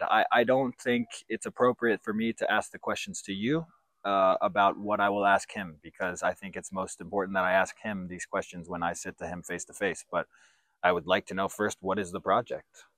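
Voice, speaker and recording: A man in his thirties speaks in a low voice, measured and reflective as he answers interview questions. He holds a handheld mic outdoors, and the sound is close and dry with no room echo. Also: steady tone. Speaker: professional footballer interviewee. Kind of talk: sit-down interview. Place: outdoors by sports courts. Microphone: handheld branded mic.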